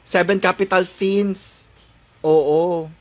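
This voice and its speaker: A high-voiced Filipino man mocks his critics in a teasing, sarcastic vlog rant. He drops English words into his talk and keeps the tone needling throughout. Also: fairly even intonation, very slow. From Philippines. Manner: sarcastic, taunting, mixes English into Tagalog. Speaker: vlogger. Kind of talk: mocking commentary.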